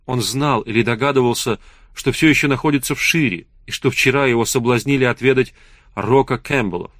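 A man tells a novel in a measured, even narrating voice of middle pitch. The recording is close and dry, with no room echo. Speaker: audiobook narrator. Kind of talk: scripted audiobook narration.

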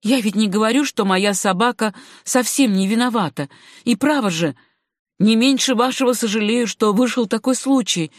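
A woman's voice: fairly high pitch, normal speed, dry recording, studio quality, lightly acted. A woman reading an audiobook and voicing a good-natured young male farmer and hunter who talks on in a folksy, apologetic way.

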